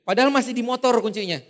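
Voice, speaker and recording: A man giving a seminar talk, animated, often acting out comic quotes and laughing. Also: extremely high pitch. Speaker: seminar speaker. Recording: long hall reverb.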